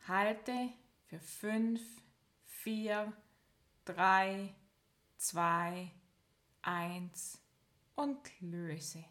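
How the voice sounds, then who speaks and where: A woman leading a guided progressive muscle relaxation, giving calm step-by-step instructions and counting down slowly with long pauses. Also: medium pitch.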